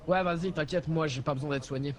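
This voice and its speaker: A man putting on a quiet, mopey companion voice who whines about wanting to be friends. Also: on the high side, fast, soft background music, voice pushed down, natural voice. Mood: sulky.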